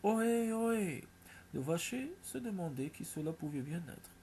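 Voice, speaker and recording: Gravelly male folk tale narrator. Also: fairly high pitch, big pitch swings, normal speed, a little mellow, a little hiss or hum. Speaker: storyteller.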